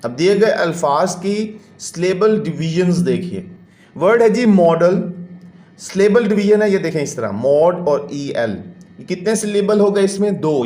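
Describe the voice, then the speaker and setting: A man's voice: high-pitched, a little mellow. Patient male teacher in an echoey room. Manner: patient, explains step by step, counts syllables aloud. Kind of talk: classroom lesson explanation.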